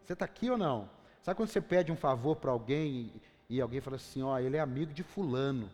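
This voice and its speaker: A man with a Brazilian Portuguese accent preaching a fervent sermon, swinging from hushed tones to shouting and repeatedly calling out questions to the congregation. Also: medium pitch, lively intonation, fast talker. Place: church hall. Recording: reverberant hall with faint music.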